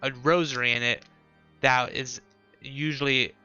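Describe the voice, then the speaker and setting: A man's voice: mid-range voice, steady tone, a little slow, pushed and bright, smooth, faint music behind. A man chatting casually with viewers while streaming a video game. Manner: chatty, talks to chat viewers. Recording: dull lo-fi stream audio.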